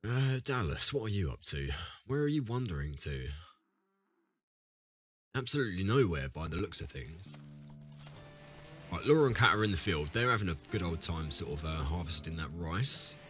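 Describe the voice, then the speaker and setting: A sick let's play host, his voice dropped lower than usual, rambles casually to viewers during a game and keeps correcting himself. His delivery is sing-song, bright and forceful at normal speed, with long pauses. Soft background music accompanies him.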